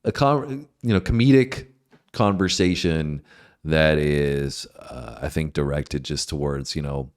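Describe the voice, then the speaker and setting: A man giving casual reaction commentary, halting as he searches for words. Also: rumbling low. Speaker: reaction video host.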